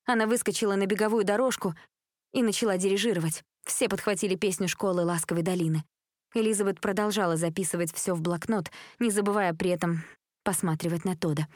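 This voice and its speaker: A woman narrates a teen novel in a steady, even audiobook manner. Her voice sits in a mid range. The recording is dry and close, with no room sound. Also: mid-range voice, fast talker, no room sound. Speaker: audiobook reader. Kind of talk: scripted narration.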